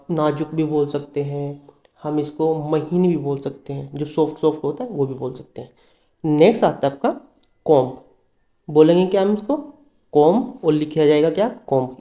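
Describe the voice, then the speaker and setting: A man's voice: a little high, mellow, echoey room. A man teaching a language lesson, asking and answering his own questions and spelling words letter by letter. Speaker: English teacher.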